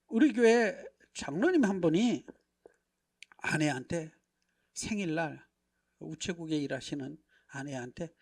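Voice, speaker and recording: Animated middle-aged man preaching to a congregation. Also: a little high. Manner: animated, acts out dialogues, constant rhetorical check-ins; swings from hushed asides to loud bursts. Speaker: pastor. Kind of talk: lively church seminar talk. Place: church sanctuary.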